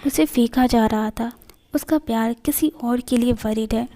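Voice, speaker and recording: A woman narrating a fan-fiction story in a steady, plain reading voice. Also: a little high, unhurried.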